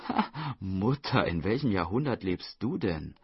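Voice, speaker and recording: A man's voice: lowish voice, big pitch swings, unhurried, husky, no echo, full character voice. A man voicing a carefree, cheeky young daughter who answers in breezy, teasing retorts. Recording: dull, dry studio voice-over.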